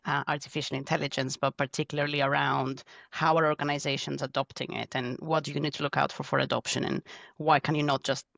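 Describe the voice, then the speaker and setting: A Greek woman in her thirties, a tech delivery lead, speaks with a Greek accent as a podcast guest, giving conversational interview answers full of fillers and restarts. Her voice is deep and creaky with a fairly bright tone, recorded in studio quality with no room sound.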